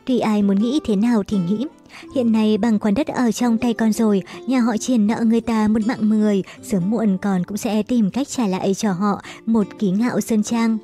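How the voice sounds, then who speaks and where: A woman's voice: mid-range voice, steady tone, normal speed, warm tone, faint music behind, natural voice. Woman reading as Vân Phi, a proud wounded son. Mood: resolute. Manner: resolute, grieving. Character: proud wounded young man, a rich family's son.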